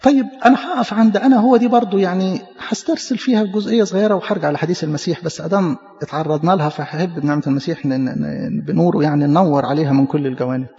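A man's voice: fairly high pitch, rapid-fire, warm tone. A man preaching with an Egyptian Arabic accent, explaining emphatically and stumbling over repeated words. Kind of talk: sermon teaching. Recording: echoey hall, muffled lo-fi.

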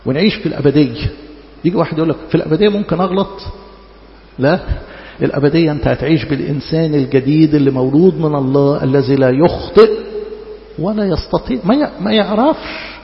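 Male preacher, Egyptian Arabic accent, highish gravelly voice, conversational sermon, repeated words for emphasis. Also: fast. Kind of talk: sermon in colloquial speech with rhetorical questions. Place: large reverberant hall. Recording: muffled, echoey hall with long reverb.

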